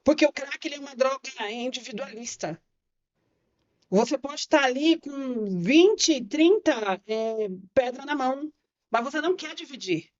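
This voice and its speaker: A woman's voice: sits high, expressive, a little slow. A woman giving a personal testimony as a podcast guest, telling her story vividly and acting out the voices she quotes. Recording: slightly muffled podcast audio.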